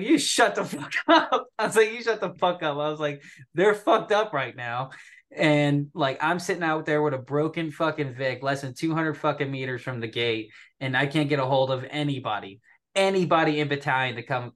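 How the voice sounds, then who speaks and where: A young man, a military veteran, telling a story on a podcast in a profane, animated way, laughing as he goes. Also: mid-range voice, normal speed. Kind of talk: casual storytelling.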